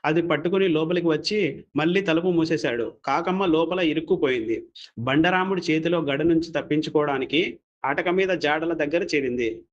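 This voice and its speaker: A man telling a folk story as scripted narration, steady and plain. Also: on the high side, normal speed, muffled recording.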